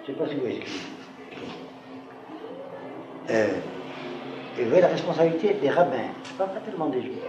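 Male lecturer, mid-pitched and emphatic, who keeps asking if he is clear; echoey hall with noise behind. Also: sing-song, moderate pace, pauses often, muffled recording. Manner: emphatic, keeps checking with rhetorical questions. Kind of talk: lecture with audience questions. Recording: echoey room with background noise.

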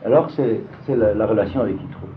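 A man with a fairly low voice speaks quickly while teaching a Talmud seminar to a class, sounding hesitant, with many fillers and repeated words. The recording is lo-fi and phone-like, with faint noise.

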